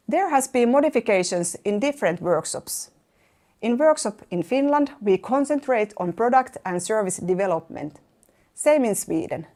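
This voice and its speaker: A woman's voice: medium pitch, a little mellow. Woman narrating in a formal tone. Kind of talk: scripted narration.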